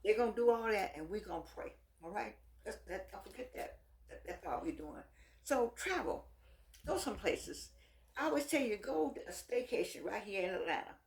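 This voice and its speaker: Middle-aged woman, toothless speech, very lively pitch, sassy rambling advice, echoey room. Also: normal speed. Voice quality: toothless, slightly soft articulation. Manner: animated, sassy, folksy, repeats phrases for emphasis. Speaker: vlogger. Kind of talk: casual chat, rambling advice to viewers.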